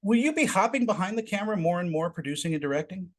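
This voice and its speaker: A man's voice: sits high, lively intonation, fast talker. Friendly male celebrity interviewer. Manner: friendly, encouraging questions, some stumbles. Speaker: interviewer, host.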